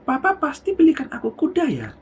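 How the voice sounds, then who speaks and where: A preacher voicing a small, gleeful child who begs for a pony, squealing and repeating cheers breathlessly in a very high voice. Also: huge pitch swings, a little fast, slight background noise. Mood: overjoyed.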